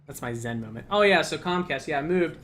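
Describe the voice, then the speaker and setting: A man's voice: fairly high pitch, lively intonation, a little fast, a bit bright, a little hiss or hum. A young man chatting casually while playing a card game, telling a long story with lots of fillers and restarts. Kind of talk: casual let's-play chat.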